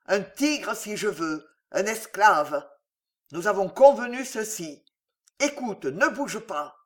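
A man's voice: sits high, pitched above the performer's own voice. A reader voicing a cruel man who gives cold, threatening orders.

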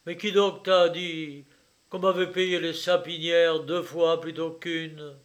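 A man's voice: high voice, lively intonation, extremely slow, pitched above the performer's own voice, full character voice. A man playing a blustering, furious old land dealer. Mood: blustering anger. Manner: loud, blustering, indignant shouts. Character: angry, frightened middle-aged male land dealer.

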